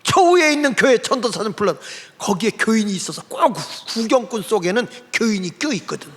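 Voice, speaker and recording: A male pastor telling a story in a sermon, animated and acting out the characters' voices. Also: high-pitched, a little fast, long reverb tail, slight background noise. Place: church sanctuary.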